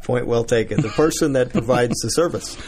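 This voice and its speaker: A man's voice: medium pitch, brisk, a little mellow. A man hosting a radio interview show, chatting casually and agreeing briefly with his guest.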